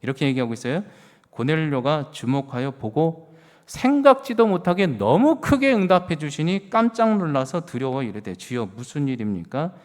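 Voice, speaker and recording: A middle-aged man preaching a sermon as pastor, telling stories with swings from hushed words to loud exclamations. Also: fairly high pitch, sing-song, normal speed. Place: church sanctuary. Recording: reverberant church hall.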